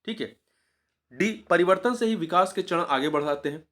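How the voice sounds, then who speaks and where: Guy coaching for an exam, slightly high voice, walks through answers slow and patient, repeats words, spells em out bit by bit. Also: fairly bright tone. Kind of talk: explaining a Hindi grammar test paper.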